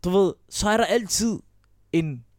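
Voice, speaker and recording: Male co-host, animated storyteller with a high, expressive voice. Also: dry recording, clean studio sound. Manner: animated storyteller, acts out dialogue with laughs. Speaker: podcast co-host. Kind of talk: casual chat.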